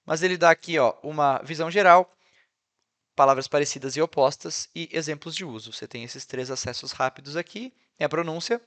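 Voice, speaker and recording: Brazilian man, a touch high-pitched, Brazilian Portuguese accent; relaxed teacher voice-over, chatty with constant tag questions. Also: brisk. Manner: chatty, peppered with "né?" and "ó". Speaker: English teacher. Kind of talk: casual screen-share tutorial.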